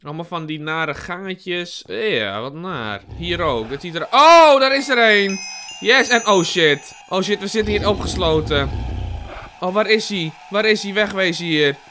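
A man's voice: high-pitched, expressive, a little slow, sharp tone, slight background noise. A young man giving let's play commentary on a horror game, jumpy and swearing, yelping at scares and laughing nervously. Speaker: gaming YouTuber.

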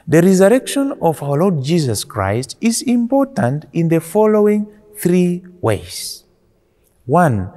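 Preaching a homily in a small church, a priest in his forties speaks slowly and deliberately, his emphasis rising and falling. His fairly high voice has a warm tone, trailed by a long reverb tail.

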